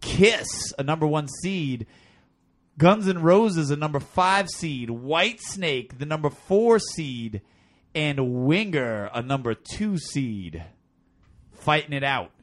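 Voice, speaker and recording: A man's voice: on the high side, expressive, slow pace. A man co-hosting a casual rock podcast, joking around and running down a bracket in a playful announcer voice. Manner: playful announcer voice when reading matchups. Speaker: podcast co-host. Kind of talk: casual chat, bracket rundown.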